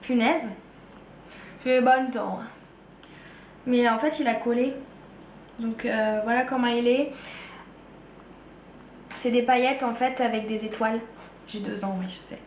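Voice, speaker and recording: A woman's voice: on the high side, fairly even intonation, a little slow, long pauses, a little mellow, roomy sound, slight background noise. Chatty woman with a slight Ardennes accent. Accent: Ardennes French. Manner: chatty, loose, slangy, trails off with "quoi". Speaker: beauty vlogger. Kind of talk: casual chat.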